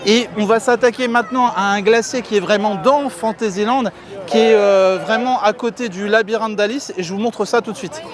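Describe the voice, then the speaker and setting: Chatty man vlogging outdoors, high voice. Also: moderate pace. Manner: chatty, addresses viewers as friends. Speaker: theme park vlogger. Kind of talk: walking vlog commentary. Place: outdoors in a theme park. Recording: outdoor crowd and faint music behind.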